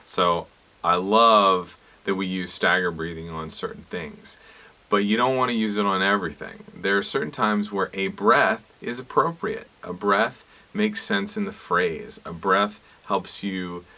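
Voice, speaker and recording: A middle-aged man, teaching a cappella singers in a relaxed, conversational way with many fillers. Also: low voice, a little slow. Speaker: a cappella instructor. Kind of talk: casual teaching monologue.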